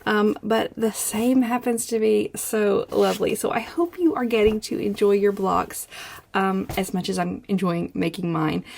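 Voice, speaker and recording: A middle-aged woman hosting a quilt-along in a casual, conversational way, talking to camera in a room at home with a creaky voice. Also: medium pitch, fairly even intonation, moderate pace, darkish tone, a little hiss or hum. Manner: conversational, informal. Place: small home sewing room, indoors.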